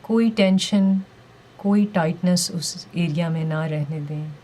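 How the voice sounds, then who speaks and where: A woman with a lowish voice guides a meditation, giving calm, gentle, deliberate instructions and pausing between phrases.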